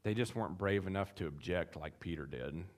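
A man preaching a sermon, acting out the quotes in his text with big jumps in voice and chuckling between points. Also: brisk. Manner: animated, acts out quotes with big pitch jumps. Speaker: pastor.

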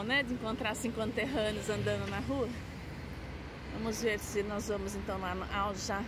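A middle-aged Brazilian woman with a Brazilian Portuguese accent, chatting enthusiastically to her viewers in a casual travel vlog. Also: on the high side. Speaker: travel vlogger. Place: outdoors on city streets. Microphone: handheld camera at arm's length. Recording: street traffic noise behind.

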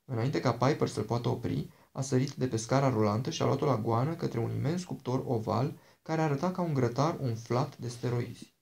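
A man reading an audiobook with steady, scripted narration. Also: mid-range voice, vocal fry, few pauses.

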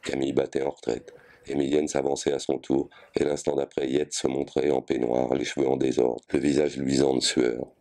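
Very deep, dark male reader. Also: level tone, moderate pace. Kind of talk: reading a novel aloud.

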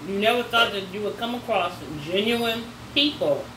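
A woman talking casually to her viewers while chewing food. She speaks slowly and repeats phrases for emphasis. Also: mid-range voice, fairly bright tone. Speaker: mukbang YouTuber host. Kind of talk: casual thank-you chat to viewers. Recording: echoey room, distant mic, air-conditioning hum.

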